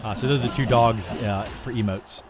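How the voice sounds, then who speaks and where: A middle-aged man who streams video games answers viewers on a livestream, talking casually and somewhat ramblingly. His voice is medium in pitch at a moderate pace, heard over music, with clear background noise and ambience.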